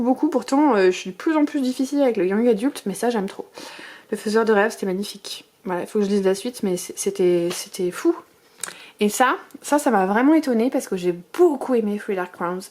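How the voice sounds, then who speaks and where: A woman's voice: mid-range voice, darkish tone. A woman in her thirties chatting casually as a book vlogger, gushing and rambling with fillers and restarts. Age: 30s. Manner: chatty and gushing, piles up superlatives. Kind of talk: casual bookshelf tour chat.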